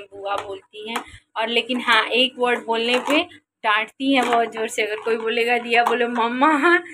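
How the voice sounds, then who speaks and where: A young adult woman and mother chatting casually in a home vlog, coaxing her baby in a sing-song voice and then rambling relaxed to her viewers. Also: on the high side, background noise. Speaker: vlogger and mother.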